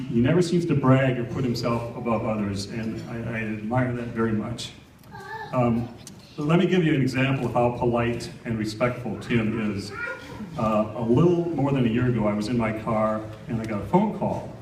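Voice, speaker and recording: A man's voice: mid-range voice, a little mellow. A middle-aged American man giving a humorous father of the bride speech at a wedding, in an informal, hesitant storytelling way. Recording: echoey room, distant mic, noisy with clicks.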